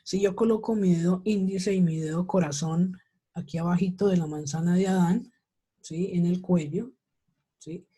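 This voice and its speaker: A woman's voice: on the low side, steady tone, moderate pace, warm tone, slightly rough. A woman teaching an English class over a video call, patient and checking in with her students often. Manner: patient, checks understanding with repeated questions. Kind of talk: online class lesson.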